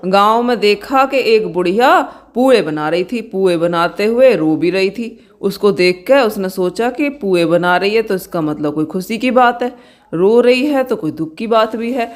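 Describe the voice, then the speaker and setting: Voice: medium pitch, expressive. Homely devotional tale storyteller. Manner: unhurried, homely storytelling with fillers. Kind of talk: devotional folk tale narration.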